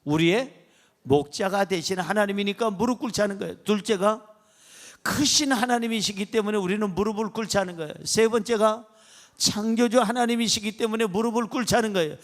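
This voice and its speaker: A male pastor preaching a sermon in a church, leading the congregation in call-and-response and acting out scenes as he tells stories. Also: high voice. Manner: acts out dialogue in storytelling.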